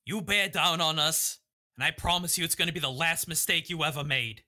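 A man's voice: on the high side, a little fast, sharp tone. A man playing a tabletop role-playing game, arguing in character in an earnest, defiant manner. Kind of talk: impassioned in-character argument.

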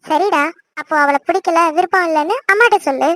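A woman's voice: very high-pitched, fast talker, fairly bright tone, no room sound, studio quality. A woman voicing a teasing, bossy young older sister in a family cartoon, with a chirpy voice. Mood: caring. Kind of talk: cartoon voice acting.

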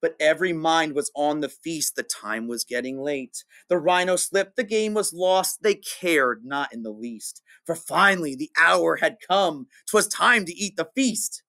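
A man, a teacher, reading a rhyming picture book aloud with an expressive, sing-song delivery. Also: on the high side, unhurried, hardly any pauses.

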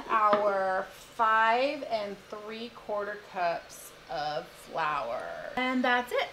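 A woman's voice: on the high side, background noise. A woman in her thirties chatting casually while demonstrating a recipe in her home kitchen, giggling and wandering into asides. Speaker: home cooking host.

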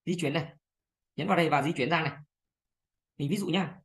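Fast-talking woman giving a screen tutorial. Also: low voice. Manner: chatty, fillers, many "đây này" pointers. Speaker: video editing tutor. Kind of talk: screen-recorded software tutorial.

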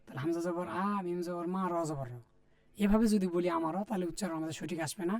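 Speaking fast in a high, darkish voice, this man with a Bangladeshi Bengali accent runs a letter-by-letter spelling drill for Quran reading. He patiently spells out Arabic letters and vowel marks, repeating himself and addressing viewers directly.

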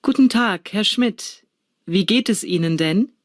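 A woman acting a polite, businesslike doctor in a scripted language-exam dialogue, speaking clearly. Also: mid-range voice, expressive, unhurried, no room sound, clean studio sound, close to an everyday voice. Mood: polite, attentive. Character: female doctor, polite and businesslike, seeing a patient.

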